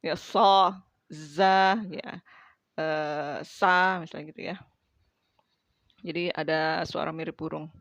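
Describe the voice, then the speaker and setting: A woman's voice: low voice, fairly even intonation, slow, long pauses, fairly bright tone, no echo. A woman teaching Quran pronunciation in a casual lesson, demonstrating letter sounds between many fillers.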